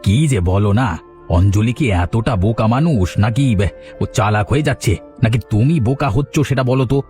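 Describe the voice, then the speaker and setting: A man's voice: mid-range voice, a little fast, darkish tone, soft background music, natural voice. A man voicing a greedy village husband in a cartoon, grumbling, impatient and mocking. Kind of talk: cartoon dubbing.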